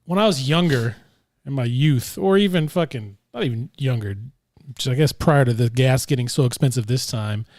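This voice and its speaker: A man's voice: medium pitch, normal speed, darkish tone, no echo. A young man hosting a podcast, chatting casually, rambling and swearing freely. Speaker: podcast host.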